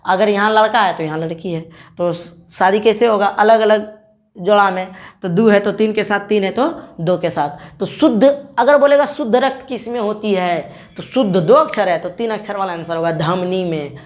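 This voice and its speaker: A woman teaches an exam-prep lesson at a steady middle pitch. She drills her class with rapid question-and-answer pairs, repeats key terms over and over, and corrects herself mid-word.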